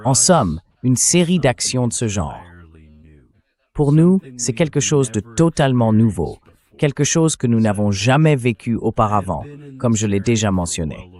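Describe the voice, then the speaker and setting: A man in his thirties speaking in a measured, earnest way as a community vice-president in a dubbed interview voice-over. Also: medium pitch, sing-song, a little mellow. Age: 30s.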